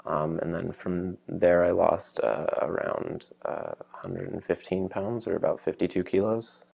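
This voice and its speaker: A man's voice: low voice, fairly even intonation, unhurried, vocal fry, a little mellow, breathy edge. A nineteen-year-old man giving a testimonial, hesitant and full of fillers. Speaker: testimonial speaker.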